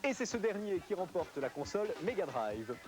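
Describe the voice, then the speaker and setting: High-voiced French man presenting, over music. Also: sing-song, normal speed. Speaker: TV video game show presenter. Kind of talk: scripted presenting and announcements. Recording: music under the voice. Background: prominent music.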